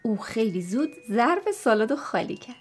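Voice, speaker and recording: A woman tells a children's bedtime story with lively expression, talking straight to the young listeners. Her voice sits fairly high, with soft music faintly behind her. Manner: expressive, speaks to children directly.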